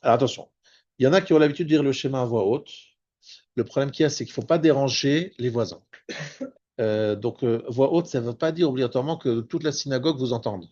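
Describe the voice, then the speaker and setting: A man, a rabbi, teaching a spoken Torah lesson, explaining patiently and slowing down on Hebrew terms. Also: mid-range voice, darkish tone, dull audio. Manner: explanatory, repeats and restarts words, stresses Hebrew terms slowly.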